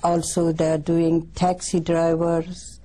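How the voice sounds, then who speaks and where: A middle-aged woman from Afghanistan, a community counselor, answering an interview in halting, simple phrasing. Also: lowish voice, monotone, warm tone.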